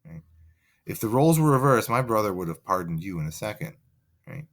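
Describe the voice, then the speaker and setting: A man's voice: lowish voice, a little fast. A male teacher talks students through a play in a loose, conversational way. His voice rises and falls with energy, and he keeps checking in with them. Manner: casual, animated, full of fillers and 'right?'.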